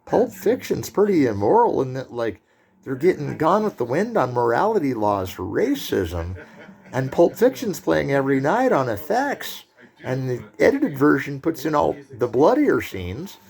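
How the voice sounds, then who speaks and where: A man's voice: medium pitch, wildly swooping pitch, moderate pace, vocal fry, a little mellow. A man giving a rambling film lecture, full of digressions and joking asides.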